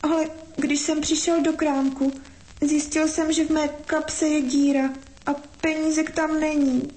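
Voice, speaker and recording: A woman's voice: high voice, flat delivery, darkish tone, a little hiss or hum, pitched above the performer's own voice, close to an everyday voice. A woman doing a small tearful boy. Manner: tearful, pleading. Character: small shivering sad human boy.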